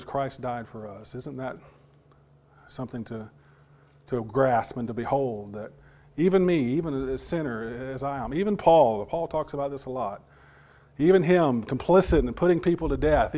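Still recovering from a partly lost voice, a man delivers a sermon to his congregation in a halting manner, repeating words and asking his listeners questions. His voice is mid-range with a dark tone.

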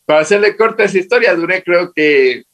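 Animated Ecuadorian man, higher voice. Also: fairly quick, rough recording. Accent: Ecuadorian Spanish. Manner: animated, acts out quoted dialogue. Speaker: interview guest. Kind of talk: casual storytelling interview.

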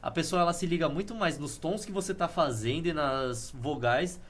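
A man's voice: fairly high pitch, normal speed. Chatty Brazilian man explaining things. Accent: Brazilian Portuguese. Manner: explains at length, joking. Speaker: podcast co-host. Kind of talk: casual chat.

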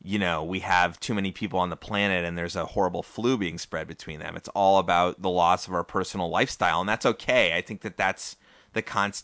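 A man's voice: sits low, steady tone, a little fast, a bit bright, dry recording, clean studio sound. A man hosting a podcast, talking frankly and joking, with some profanity. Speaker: podcast host. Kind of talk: casual podcast chat.

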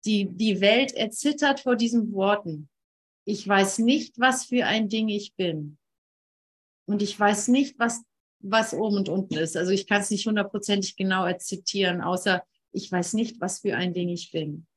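A woman leading an informal spiritual teaching session, talking earnestly and emphatically, often repeating phrases and pausing. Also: mid-range voice.

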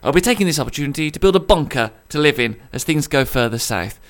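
A man's voice: fairly high pitch, expressive, fast. A man with a Brummie accent, a radio host giving a pompous, self-mocking mock press conference speech.

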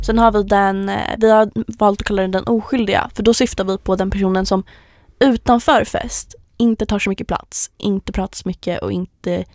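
Young woman, lively storyteller. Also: medium pitch, creaky, dry recording, clean studio sound. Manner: lively storyteller, acts out dialogue. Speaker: podcast co-host. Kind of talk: casual chat.

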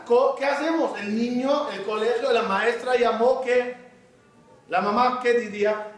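High-voiced guy giving a lively sermon, far from the mic in a big echoey room. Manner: animated storytelling with acted quotes and jokes. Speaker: rabbi.

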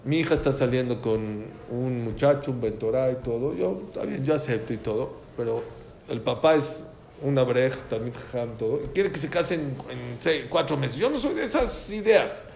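A man gives a storytelling religious lesson and slips into the voices of the people in his anecdotes. His voice sits at a middle pitch. The room is echoey, with a faint hum of ambient noise behind him. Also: moderate pace, gravelly. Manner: animated, acts out dialogue in stories. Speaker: religious teacher. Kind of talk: storytelling lecture.

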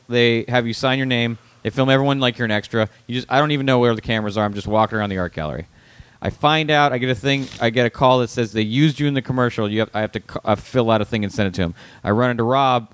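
A man tells his stories in a blunt, clipped present tense, dropping the odd swear word. His voice sits at a middle pitch, and it is recorded close and dry. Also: a bit bright, smooth, no echo. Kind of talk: casual chat.

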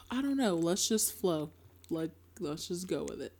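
A woman's voice: on the low side, sing-song, measured pace, darkish tone, breathy edge. A woman in her twenties co-hosting a casual podcast with a blunt, dry, sarcastic manner, in a hard-walled apartment. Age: 20s. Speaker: podcast co-host. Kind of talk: casual chat. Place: apartment with hard concrete walls.

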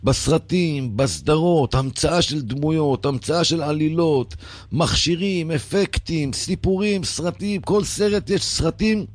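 A man giving an animated religious talk on radio, telling stories with emphatic repetition. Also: on the high side, dry recording. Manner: animated, emphatic, repeats for stress. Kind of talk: preaching talk with storytelling.

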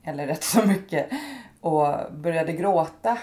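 A woman in her thirties hosting a podcast, speaking in a thoughtful, hesitant way as she feels her way through her points. Her voice is fairly low and has a mellow, warm tone. She speaks in a casual conversational style. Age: 30s. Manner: thoughtful, hesitant, many fillers and restarts. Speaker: podcast host.

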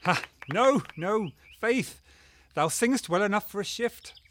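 A man's voice: high voice, expressive, a little slow, a bit bright, a little hiss or hum. A man playing a playful courtly prince. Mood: genial. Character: genial, commanding male prince. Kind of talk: stage play performance.

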